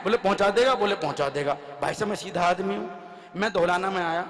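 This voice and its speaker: A man's voice: high voice, fast talker, fairly bright tone. A man performing comic storytelling on stage at a poetry gathering, acting out dialogue with rhythmic repetition. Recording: reverberant live PA sound.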